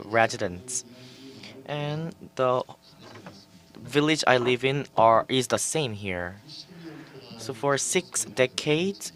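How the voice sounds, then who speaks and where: A man gives a conference presentation over a webinar microphone at an unhurried, deliberate pace. He hesitates often, repeating words and restarting his phrases with fillers. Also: mid-range voice, fairly bright tone. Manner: slow and halting, with fillers and restarts. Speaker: forum presenter.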